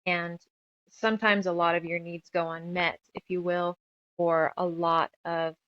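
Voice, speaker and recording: A U.S. woman talks reflectively and at length as a creative guest on a casual interview, musing aloud about her thoughts; she writes books, plays music, and makes audio dramas. Her voice is fairly low-pitched with a fairly bright tone. The recording is muffled, without echo.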